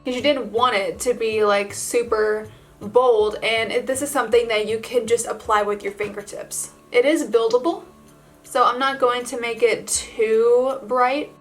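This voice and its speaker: A woman's voice: on the high side, fairly even intonation, a little slow, soft background music. A woman vlogger talking casually to her viewers in a bubbly, gushing, informal way, as in a makeup tutorial. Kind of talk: casual chatty vlog tutorial addressed to viewers.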